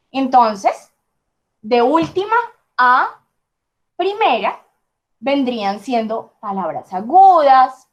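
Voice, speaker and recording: A woman teaching a class, explaining patiently and checking in often with her students. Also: sits high.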